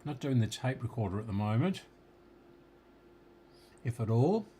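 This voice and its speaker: A slow, unhurried Australian man, mid-pitched, muttering his way through an electronics repair at home. He talks half to himself as he works. A faint background hiss sits under his voice. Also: very animated, dark tone. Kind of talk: casual workshop commentary.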